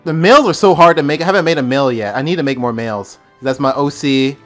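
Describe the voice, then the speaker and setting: A man casually commentating his gameplay on stream, excitable, with loud outbursts, swearing and frequent laughs. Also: a little high, fast talker, faint music behind.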